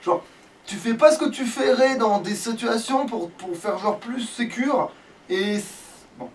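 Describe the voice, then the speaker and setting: A man playing a game as a let's player does casual commentary with a friend, grumbling and foul-mouthed as he swears through it. His voice is very high-pitched and a little slow. The mic is distant, and background noise is loud.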